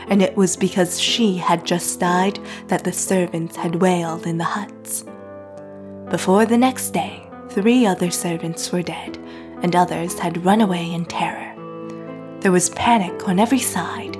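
A woman narrating a classic novel in a soft, hushed reading voice. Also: on the low side. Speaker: audiobook narrator.

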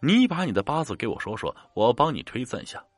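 A man's voice: medium pitch, big pitch swings, breathy edge, dry recording, soft background music. A man voicing a composed old male fortune-teller in a spoken ghost story. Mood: measured. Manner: composed, unhurried. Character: calm elderly male fortune-teller from out of town.

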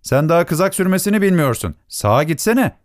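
A man's voice: a little high, big pitch swings, a little fast, dry recording, voice pushed up. Guy playing a snooty officer, mocking tone, dry close sound. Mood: scolding. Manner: sneering, scolding. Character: arrogant mocking officer, a man.

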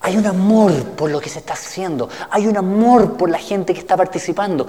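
Mellow-voiced male pastor in a hall. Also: sits high, brisk, a little hiss or hum. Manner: reads scripture aloud and asks the listeners questions. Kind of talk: sermon teaching. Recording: reverberant hall.

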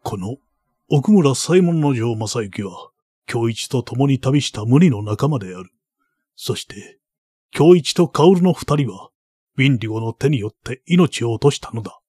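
A man voicing an old baron who is gentle and grieving and speaks in an old-fashioned way. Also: expressive, normal speed, slightly rough, dry recording, clean studio sound. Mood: sorrowful. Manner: soft, low, old-fashioned phrasing.

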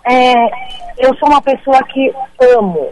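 A woman's voice: sits high, animated, unhurried, rough recording. A woman calling in to a radio show, heard over the phone from her car, chatty and affectionate. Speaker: radio call-in listener. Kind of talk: casual call-in chat. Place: in a car, driving.

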